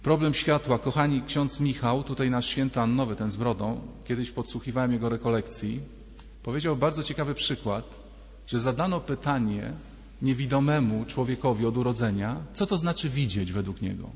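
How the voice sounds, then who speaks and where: A man's voice: medium pitch, normal speed. A man preaching a sermon as a priest, telling stories and acting out little dialogues in a conversational way. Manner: storytelling, conversational, acts out dialogues. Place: church. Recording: long church reverb.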